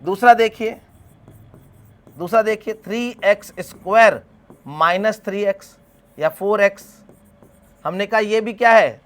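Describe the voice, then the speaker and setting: A man's voice: high-pitched, a little slow, pauses often. A man teaching a math class, asking his students questions and then answering them himself. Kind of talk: classroom lecture.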